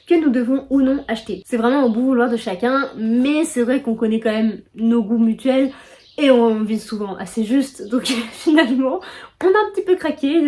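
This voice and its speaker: Chatty young woman with a mellow voice. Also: on the high side. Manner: chatty, lots of filler words, self-deprecating. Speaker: book vlogger. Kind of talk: casual book haul chat.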